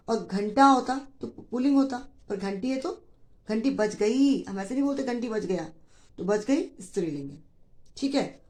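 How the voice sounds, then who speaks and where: A woman's voice: a little high, a little mellow. Lady teacher going over grammar for kids, patient, repeats stuff a lot. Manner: explains patiently, repeats key phrases, speaks to students as children. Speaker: Hindi teacher. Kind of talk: classroom grammar lesson.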